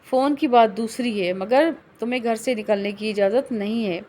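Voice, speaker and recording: A calm, firm middle-aged mother lays down the rules in a matter-of-fact way in a novel audiobook, as a woman reads her lines. The voice sits somewhat high. The delivery stays steady. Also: close to an everyday voice.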